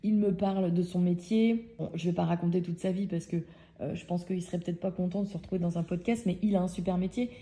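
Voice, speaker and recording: A young French woman casually telling a personal story as a podcast host, lively and often quoting the people in it. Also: fairly low pitch, fast talker. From France.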